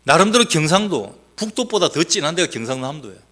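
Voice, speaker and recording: A male pastor with a Gyeongsang accent preaches in a bright, forceful voice that is pitched a little high. He bursts into loud exhortation, then drops low for asides. His pitch swings widely, and he teases his listeners with questions. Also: sing-song, fast talker. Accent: Gyeongsang Korean, mixed. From South Gyeongsang, Korea. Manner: teasing, asks the congregation questions. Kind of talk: sermon.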